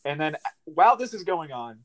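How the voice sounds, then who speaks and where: Man, podcast co-host, lively swooping pitch, acts out quotes, laughs a lot. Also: moderate pace. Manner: animated plot retelling with voiced quotes; laughs often. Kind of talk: casual film review chat.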